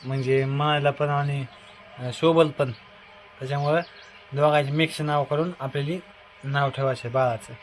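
A young man from Maharashtra, India, who runs a family vlog, talks to his viewers outdoors beside his house, filming on a phone camera. His mid-range voice stays fairly even at a moderate pace, broken by long pauses, and he's chatty and repetitive, often calling loudly to his wife. There's a little hiss or hum in the audio.

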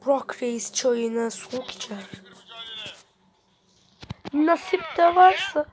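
A woman commenting live on her gameplay as a gaming channel host, excitable and frustrated, swearing constantly at the game. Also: high-pitched, slow, noisy background.

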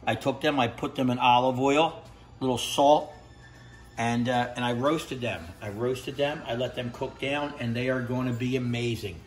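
With faint music playing behind him, a man in his fifties speaks at a moderate pace in a steady, mid-range voice while filming himself on a phone. He cooks in his home kitchen before moving to the deck grill outside, enthusiastically praising fresh ingredients, sniffing and tasting, and repeating catchphrases in this casual vlog.

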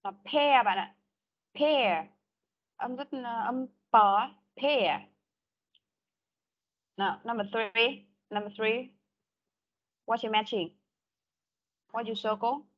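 A woman's voice: on the high side, steady tone, takes it slowly, pauses often. A woman teaching an online English class, patiently repeating prompts and correcting pronunciation. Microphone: video call. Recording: dull lo-fi call audio.

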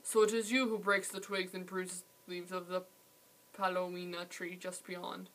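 A woman reading aloud, voicing an angry old male potter who shouts and questions sternly. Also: lowish voice, flat delivery, moderate pace, natural voice, low-quality recording.

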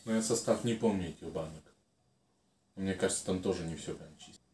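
A deep-voiced man chats casually over food, chewing as he talks. His tone is dark and relaxed, his phrasing halting. He is recorded in an echoey room. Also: distant mic. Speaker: co-eater answering questions. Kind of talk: casual chat while eating. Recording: roomy echo, some background noise.

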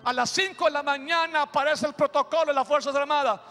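A male pastor telling a story during a sermon, preaching with shouted bursts and acted sound effects. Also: extremely high pitch, steady tone, quick pace. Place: church. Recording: echoey church hall with music.

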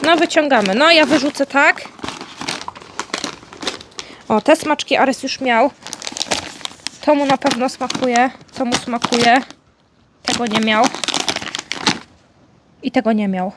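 Woman, high voice, playful pet talk to a dog, faint hiss behind. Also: slow, pauses often. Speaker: vlogger, dog owner. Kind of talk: casual chat to her dog. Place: indoors at home with her dog.

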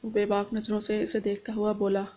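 A woman narrating a romance novel aloud in steady storytelling. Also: mid-range voice, brisk.

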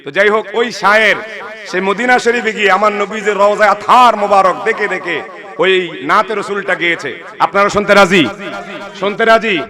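A man with a Chittagonian accent preaching an Islamic sermon, calling on the crowd to answer and breaking into slow chanted verses. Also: high-pitched. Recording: loud crowd, live event sound.

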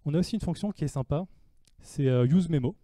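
A man speaking at a developer meetup, walking the audience through code in French. His voice is very dark and mellow, with pitch a little above the usual, and the sound is close and dry. He poses questions and answers them himself. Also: fairly quick, no echo. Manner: explanatory, asks and answers his own questions. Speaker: conference speaker. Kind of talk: technical talk on stage. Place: meetup room before an audience.

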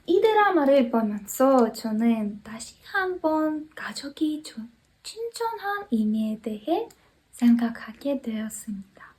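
A woman's voice: high-pitched, sing-song, takes it slowly, a little mellow. A young woman from Ukraine with a Ukrainian accent delivers a prepared contest speech in a formal, careful, phrase-by-phrase way.

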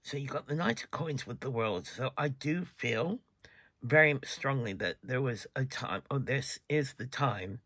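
A man's voice: mid-range voice, expressive, unhurried, pushed and bright, breathy edge, no room sound. A man giving a casual tarot reading, chatty, sometimes dropping to a whisper and apologizing for yawning. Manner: chatty, breaks off to yawn and apologize. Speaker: tarot reader.

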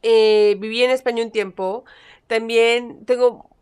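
A young woman from Peru talks straight to camera in a playful, chatty way, her Spanish carrying a Peruvian accent with a few Mexican touches. Her voice sits a little high and sounds smooth and clear. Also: steady tone, measured pace, darkish tone. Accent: Peruvian Spanish with some Mexican touches. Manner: chatty, playful, answering critics with mock sweetness. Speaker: vlogger. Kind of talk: casual chat to camera.

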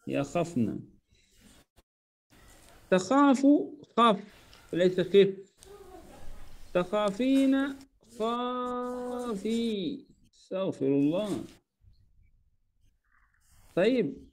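His voice is fairly high, gravelly and darkish as he patiently takes a student through Arabic verb conjugation, form by form. It is an online homework correction, and he corrects himself and the student out loud.

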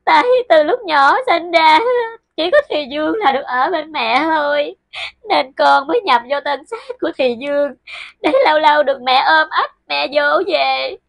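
A woman's voice: medium pitch, a little fast, pushed and bright. A woman voicing the ghost of a wronged teenage twin girl, speaking in a tearful, pleading way. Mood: tearful remorse. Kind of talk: web series drama acting.

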